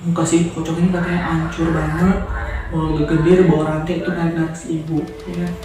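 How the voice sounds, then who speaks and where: A man's voice: a little high, level tone, fast talker, far from the mic, over music. A man casually telling a horror story. He is chatty and keeps checking in with his listeners. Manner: chatty, keeps asking "ya kan?" and addressing "guys". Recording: very echoey room, voice from afar.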